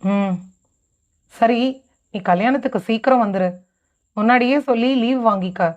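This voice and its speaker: A woman's voice: on the high side, measured pace, darkish tone, natural voice. A woman voicing a withdrawn, confused young groom who answers briefly, on a dull lo-fi recording. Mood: subdued. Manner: short, subdued replies.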